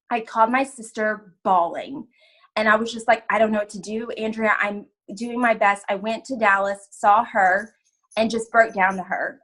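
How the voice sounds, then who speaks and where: A woman in her thirties telling her personal story in a candid, emotional testimony to a group, full of quick asides and quoted dialogue. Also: a little high, pushed and bright, poor audio. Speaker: network marketing distributor sharing her story.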